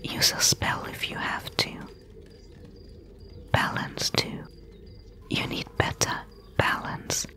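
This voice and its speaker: A woman voicing a wry, bossy thief mentor in a breathy, hushed whispered role-play, giving instructions. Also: slow, pauses often. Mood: teasing, instructing.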